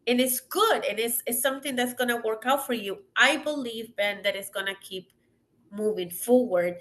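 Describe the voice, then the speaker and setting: A woman's voice: on the high side, normal speed, fairly bright tone. A woman guest on a podcast, a consultant, speaking earnestly and encouragingly, with emphatic restarts. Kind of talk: casual interview chat.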